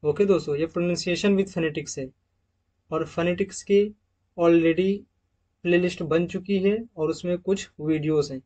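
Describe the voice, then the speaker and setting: A man teaching pronunciation from slides, addressing viewers as friends and repeating example words slowly. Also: high-pitched, steady tone, warm tone. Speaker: English teacher. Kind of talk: slide-based pronunciation lesson.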